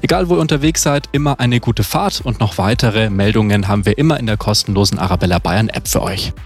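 A man's voice: on the low side, fast talker. A man reading a radio traffic report in a casual, friendly way, speaking straight to the listeners from a studio mic.

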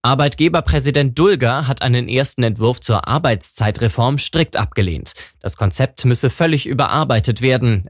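Male radio newsreader, mid-pitched, formal, dry studio sound. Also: no room sound. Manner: steady, formal delivery. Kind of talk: news reading.

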